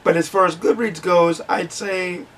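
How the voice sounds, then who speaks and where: A man's voice: high-pitched, fairly even intonation, measured pace, a bit bright, far from the mic. A man giving a frank, conversational book review with ums and restarts, his voice starting to crack.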